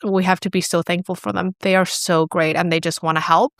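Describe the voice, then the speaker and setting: A woman's voice: fairly low pitch, brisk, no echo, studio quality. A young woman from Chile, a clinic client care specialist, chatting casually in an interview with lots of fillers. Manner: relaxed, chatty, many fillers like "like" and "you know".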